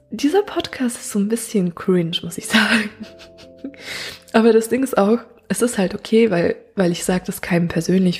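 Casual solo podcast host, woman, mid-pitched and a little breathy, effusive and slangy. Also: darkish tone. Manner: gushing, slangy, mixes in English phrases.

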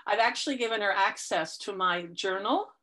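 A bright-voiced woman of medium pitch chats at normal speed as an interview guest and fitness client. She tells stories enthusiastically with plenty of fillers, sounding slightly stuffy from a cold in this casual conversation.

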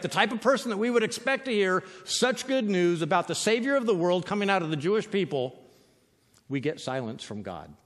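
High-pitched male preacher, chatty sermon, long echoing hall. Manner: conversational, often asks "right?"; drops to quiet emphasis. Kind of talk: sermon on scripture.

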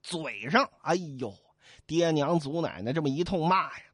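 Animated guy telling an old tale, funny asides, voice all over the place, dry close mic. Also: a little high, moderate pace, husky, dry recording. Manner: lively, animated, playful asides. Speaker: storyteller. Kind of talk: comic traditional storytelling.

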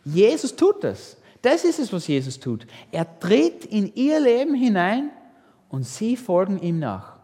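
Lively man preaching in a hall. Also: sits high, unhurried. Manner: lively preaching with rhetorical questions. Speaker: pastor. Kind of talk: sermon.

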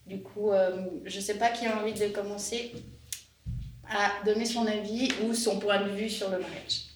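A woman's voice: mid-range voice, steady tone, normal speed, background noise. Woman hosting a podcast. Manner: hesitant, many fillers. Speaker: podcast host and moderator. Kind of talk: moderating a roundtable discussion. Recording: roomy, distant mic, music behind.

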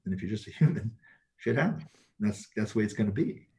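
A man's voice: fairly low pitch, very animated, a little fast, darkish tone. A man talking bluntly and emphatically as an interview guest, laughing often as he makes his points. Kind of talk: casual chat.

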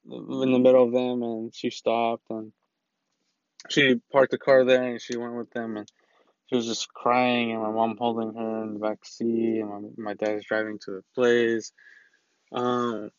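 A man's voice: medium pitch, little pitch movement, a little slow, no echo, lo-fi sound. A young man telling a personal story in a casual, rambling way, with many restarts. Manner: rambling, loose, full of restarts.

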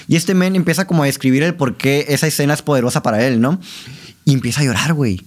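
Mexican guy on a podcast, kinda higher voice, loose slangy talk, lots of "no?" and "güey". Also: fast. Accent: Mexican Spanish. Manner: animated, slangy, many fillers and tag questions. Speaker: director and teacher, podcast guest. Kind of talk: casual podcast chat.

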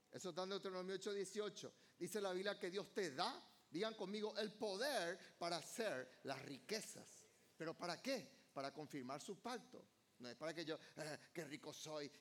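High-pitched fervent preacher man. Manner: fervent preaching with call-and-response to the congregation. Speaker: pastor. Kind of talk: evening sermon. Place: church service.

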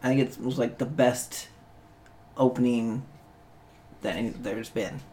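A man's voice: mid-range voice, measured pace, dark tone. A man co-hosting a casual podcast, hesitating and restarting his thoughts. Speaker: podcast co-host. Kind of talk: casual chat.

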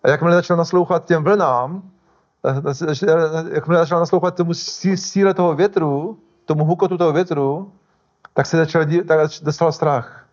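A man with a fairly high voice preaches a sermon in a loose, conversational way. He often breaks off mid-phrase to restart or correct himself. The recording sounds dull and lo-fi. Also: steady tone. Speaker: pastor.

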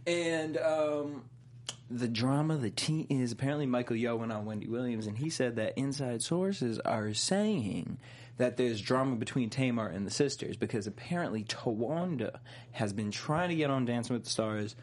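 A young woman co-hosting a casual celebrity gossip show, sassy and expressive, telling stories in slang. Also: a bass voice, normal speed. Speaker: co-host.

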